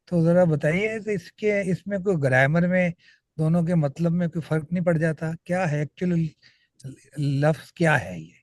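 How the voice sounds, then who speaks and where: A man's voice: fairly high pitch, no room sound, clean studio sound. A man, a student in a religious class, curiously and politely asks a question.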